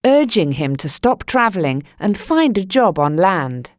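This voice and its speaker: Expressive woman reading a storybook. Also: on the low side, measured pace, no echo. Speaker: narrator.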